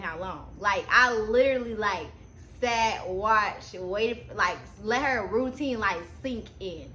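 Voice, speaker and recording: This is a casual storytime chat to camera from a young adult woman vlogger with a mid-range voice. She's slangy, informal and easily sidetracked, stoner-style, tossing in animated asides as the story unfolds. The recording has an echoey room sound and faint background noise.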